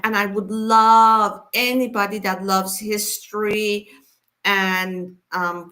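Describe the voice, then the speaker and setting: An Iranian-born woman hosts her weekly inspirational live stream, speaking casually and unhurriedly straight to viewers with many fillers. Her voice is medium-pitched with a sharp tone.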